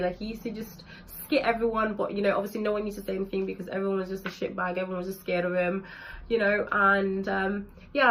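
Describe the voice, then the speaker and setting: A woman's voice: mid-range voice, fairly bright tone, low-quality recording. Young woman, vlogger; casual, candid, slangy storytelling to a camera mic. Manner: candid, slangy, swears freely. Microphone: built-in camera mic.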